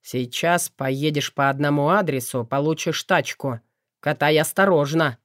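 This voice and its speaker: A man's voice: fairly high pitch, unhurried, fairly bright tone, no echo, clean studio sound. A man narrating an audiobook in first person, curt and irritable.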